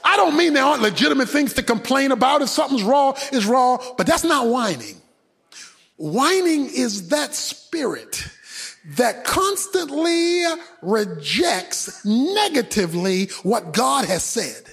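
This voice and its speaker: A male pastor preaching a sermon, dropping low and quiet and then rising to a shout. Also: sing-song, a little slow, vocal fry, husky. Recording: sermon in a reverberant hall.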